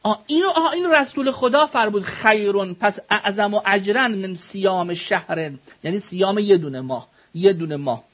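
High-voiced man teaching a class. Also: lively intonation, few pauses, lo-fi sound. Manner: explains word by word, asks students questions, jokes. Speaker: religious studies teacher. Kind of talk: classroom lecture explaining texts.

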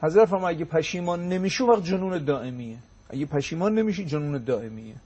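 A man giving a religious talk on a show. He recites sayings slowly in Arabic and then explains them briskly. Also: a little high, animated, dull audio, over a noisy crowd. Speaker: religious lecturer.

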